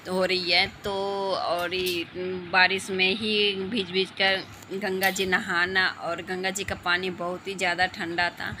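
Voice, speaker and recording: Hoarse woman with a bright, even voice. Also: lowish voice, a little hiss or hum. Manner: calm, explanatory, with pauses and fillers. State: hoarse throat; tired. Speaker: vlogger mother. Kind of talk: casual home vlog narration.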